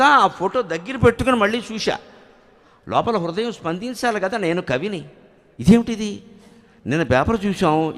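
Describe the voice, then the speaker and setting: Man, higher voice, dramatic live discourse, loud then hushed, long hall reverb. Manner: dramatic storyteller, acts out quoted characters, swings between loud and soft; chants verses slowly. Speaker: spiritual discourse speaker. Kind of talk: live religious discourse on an epic. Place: large public hall with an audience.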